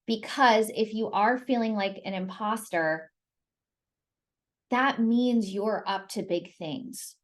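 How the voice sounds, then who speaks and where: A woman's voice: medium pitch, takes it slowly. Emphatic woman giving a motivational talk. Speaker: presenter leading the discussion. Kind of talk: informal motivational talk and advice. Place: online group call.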